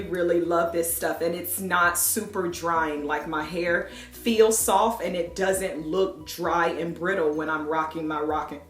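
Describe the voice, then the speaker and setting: Young woman doing a hair tutorial, slow and low, playful, echoey room. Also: fairly bright tone. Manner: chatty, playful, laughs at herself. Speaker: natural hair vlogger. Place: home room.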